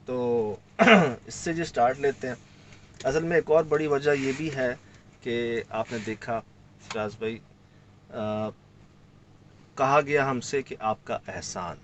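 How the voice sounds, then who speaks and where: A man's voice: medium pitch, pauses often, dull audio, a little hiss or hum. A man from Sindh telling a story in casual conversation, acting out the lines of the people in it. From Sindh, Pakistan. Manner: animated, acts out quoted lines. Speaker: guest recounting a field trip.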